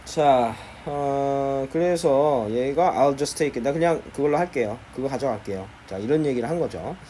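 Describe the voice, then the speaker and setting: A man's voice: mid-range voice, a little slow, slight background noise. A man teaching a middle school English lesson, explaining textbook listening in a classroom style, often starting sentences with "자". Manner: lively, repeats "자" often, explains in Korean.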